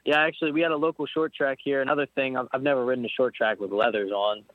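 A young adult man, nineteen and from Pennsylvania, speaks fast with fairly even intonation and a medium pitch while guesting on a casual phone interview as a motorcycle racer. He rambles and restarts often, over a dry, tinny line.

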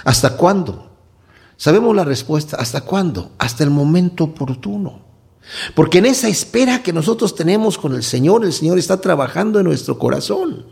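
A man preaching a Bible sermon as a pastor, acting out quoted voices with wide swings in pitch. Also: expressive, a little fast, gravelly, darkish tone.

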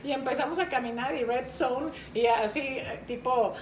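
Lively Mexican woman telling a story. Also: moderate pace, a little hiss or hum. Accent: Mexican Spanish. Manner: animated storyteller who acts out quoted voices high and laughs often. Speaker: guest, sister of the host. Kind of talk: casual chat, anecdote telling. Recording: roomy, echoey room.

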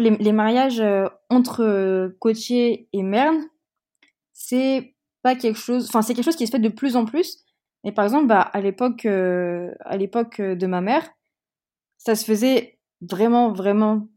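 A young woman from Madagascar speaks frankly and heatedly in a casual conversation, her talk full of fillers and restarts. Her voice is warm and medium-pitched.

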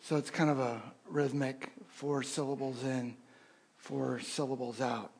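A man leading a congregation in a slow, gentle breath prayer, speaking softly with pauses as a pastor. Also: mid-range voice, level tone, breathy edge. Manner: slow, gentle, soft-spoken guiding with pauses.

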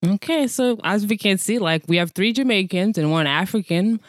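A woman from the Democratic Republic of Congo, hosting a casual podcast chat and asking her guests lively questions. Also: medium pitch, normal speed, no echo, studio quality. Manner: upbeat, asks questions to draw out guests. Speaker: podcast host.

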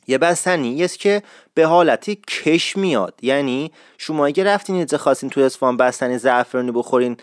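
Brief: man, a bit high-pitched, dry close sound, eager chatty vlogger. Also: no room sound. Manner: enthusiastic, chatty, repeats key points. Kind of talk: casual recommendation talk.

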